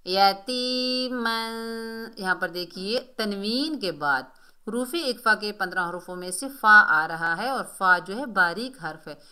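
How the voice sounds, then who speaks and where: A woman teaching a Quran recitation lesson, explaining each pronunciation rule slowly and then chanting the words in long, drawn-out tones. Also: on the low side, sharp tone. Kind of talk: tajweed lesson with recited examples.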